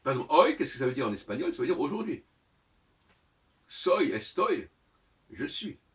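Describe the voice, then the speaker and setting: A man giving a lecturing monologue on his own channel, professorial and argumentative, pausing on fillers while he searches for words. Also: mid-range voice, sing-song, fairly bright tone, distant mic.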